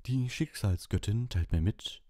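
A man voicing a dramatic older woman who teaches divination, speaking slowly and theatrically in an audiobook. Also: on the low side, warm tone, dry recording, studio quality, pitched above the performer's own voice. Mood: portentous. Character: slow, mystic older female divination teacher.

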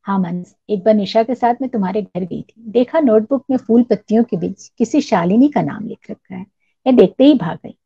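Woman voicing young bride-to-be, wistful, husky, dull lo-fi. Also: mid-range voice, a little fast, mellow, no echo. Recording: dull lo-fi recording.

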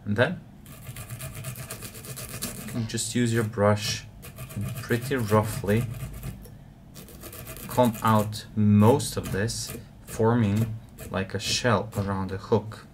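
Low-voiced man explaining fly tying. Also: slow pace, long pauses, a little hiss or hum. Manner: relaxed, explanatory, frequent uh fillers. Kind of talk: step-by-step tutorial narration.

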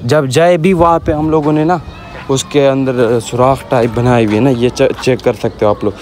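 Filming with a phone at arm's length, a young vlogger in his twenties chats casually while showing viewers around a house, its rooftop and a village yard. He keeps adding "na" to his sentences as he points out features. His medium-pitched voice is steady, slightly mellow and at normal speed, with birdsong and outdoor noise behind him.

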